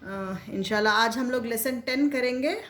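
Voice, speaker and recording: A woman's voice: on the high side, normal speed, fairly bright tone. A woman teaching a Quran Arabic lesson in casual spoken style, mixing English phrases into Hindi and asking questions she then answers herself.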